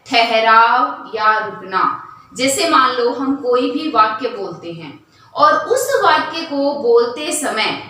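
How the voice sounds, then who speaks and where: A woman's voice: sits high, bright, forceful tone. A woman teaching a lesson, asking questions and then answering them herself. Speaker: Hindi teacher. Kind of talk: classroom lesson. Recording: echoey room from far off, faint hiss.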